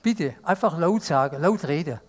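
A man's voice: on the high side, animated, moderate pace. A male pastor preaching an interactive sermon and asking the congregation to answer aloud. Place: church service.

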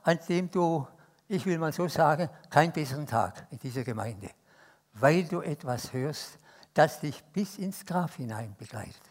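A Swiss man with a Swiss German accent preaching a sermon, telling stories that swing between loud emphasis and hushed asides. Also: a little high, animated, normal speed. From Switzerland.

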